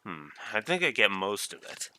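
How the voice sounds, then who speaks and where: A man's voice: lowish voice, sing-song, normal speed, bright, forceful tone, clear, resonant tone, full character voice. A man reading the lines of a brash young male pirate leader in a blunt, indignant way.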